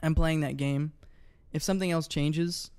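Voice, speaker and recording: A man's voice: fairly high pitch, steady tone, moderate pace, darkish tone, smooth. A male guest chatting casually in a laid-back, matter-of-fact, sometimes sweary way. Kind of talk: casual chat. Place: studio.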